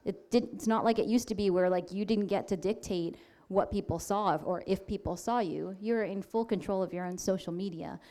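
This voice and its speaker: A woman's voice: medium pitch, normal speed, few pauses, mellow. A woman speaking as a panel guest, explaining her work conversationally. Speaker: panel guest, athletes' agent.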